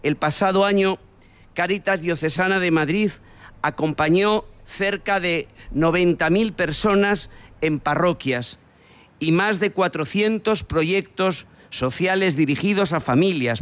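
Male speaker, formal address, smooth and clear, slow and solemn. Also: on the high side, a bit bright. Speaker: speaker at a church event.

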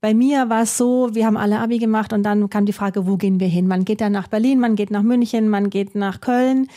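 A woman's voice: mid-range voice, fairly even intonation, a little fast, dark tone. A woman from Baden-Württemberg, an author answering interview questions thoughtfully, musing aloud with rhetorical questions.

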